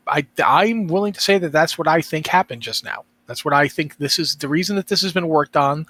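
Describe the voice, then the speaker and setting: A man's voice: a little high, pushed and bright. A man hosting a casual podcast, rambling and interrupting himself with a wry streak. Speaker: podcast host.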